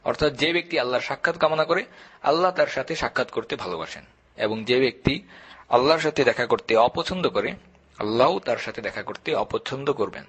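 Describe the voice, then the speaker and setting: A man giving an earnest, measured religious lecture, stressing his points through repetition. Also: medium pitch, expressive, fairly bright tone, slightly rough. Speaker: Islamic lecturer.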